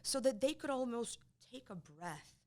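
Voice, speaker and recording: This middle-aged woman from Poland, a native Polish speaker with a slightly high voice, is interviewed conversationally about her work as a divorce attorney. She speaks emphatically and is quick to repeat herself when she's excited.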